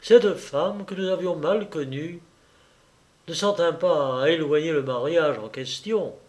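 A man narrating a classic novel as an audiobook, his voice sitting a bit higher than most men's. He reads in a steady, measured way, shaping long old-fashioned sentences with care. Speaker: audiobook reader. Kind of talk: scripted literary narration.

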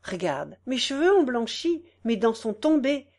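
A woman voicing a broken old beggar back from prison, speaking low and bitter in a storybook reading. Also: very animated, measured pace, a little mellow, heavily acted. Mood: weary.

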